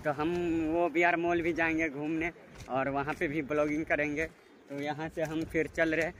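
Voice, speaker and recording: A young adult man, a native Maithili speaker, narrates his vlog to his phone held at arm's length as he walks by roads and through a large busy mall. He chats casually to camera in an informal, repetitive way, his voice on the high side with flat delivery and a moderate pace. The handheld recording carries loud street and mall ambience with vehicles, plus slight background noise.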